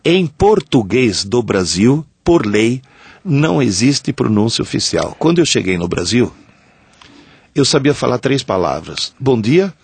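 Older man, gravelly and lively. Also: medium pitch, a little slow, no room sound. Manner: anecdotal storyteller, reads letters aloud. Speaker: co-host answering listener letters. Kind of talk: casual radio chat.

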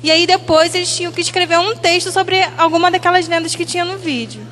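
A woman teacher walks through her class projects with frequent pauses and self-corrections. Her voice sits high and bright, and a long hall reverb trails her words. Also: a little hiss or hum. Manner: hesitant, many fillers and restarts, reading from notes. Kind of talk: presentation of school activities.

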